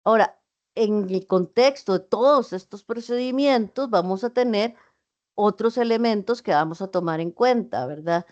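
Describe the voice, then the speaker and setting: A woman's voice: medium pitch, normal speed, a little mellow, dull audio. A woman giving an online class lecture, patiently explaining with spoken examples. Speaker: teacher.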